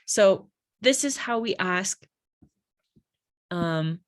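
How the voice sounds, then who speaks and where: Woman, English teacher, very slow and deliberate delivery, models phrases for learners. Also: mid-range voice, expressive. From United States. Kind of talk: slow classroom explanation.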